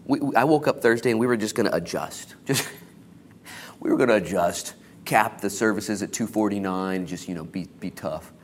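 An American man preaching an informal sermon as a pastor, exhorting in casual, slangy language and shifting between hushed and emphatic delivery. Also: lowish voice, normal speed, slight background noise. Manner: casual, colloquial, exhorting, with slangy asides and acted-out quotes.

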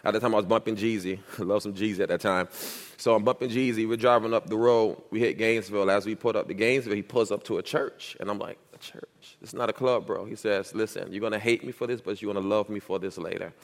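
A young youth pastor from Miami, United States, gives personal testimony and answers doctrinal questions during his ordination in a reverberant church sanctuary. His voice is fairly low, quick and fairly even in intonation, and he has a speech impediment, stuttering when nervous. He tells his story in an earnest, emphatic, repetitive way.

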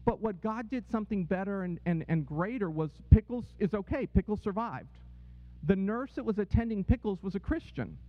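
High-voiced man telling a story in a hall. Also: animated, moderate pace. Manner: storytelling with repeated rhetorical "right?" and "okay?". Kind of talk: testimony talk to a congregation. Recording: dull, echoey hall sound.

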